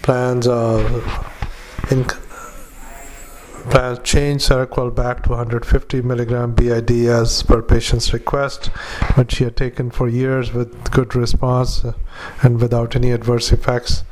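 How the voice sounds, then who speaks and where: Man dictating medical notes in an even tone. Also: mid-range voice, slight background noise, rough recording. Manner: halting, filler-heavy delivery with clipped list-like phrases. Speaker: clinician dictating patient notes. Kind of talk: medical dictation with spoken punctuation.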